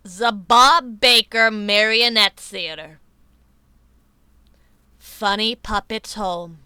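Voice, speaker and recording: A woman's voice: mid-range voice, drawn-out words, sharp tone, smooth, no room sound. A woman chatting casually on a live stream, rambling, swearing freely and laughing often, with a runny nose.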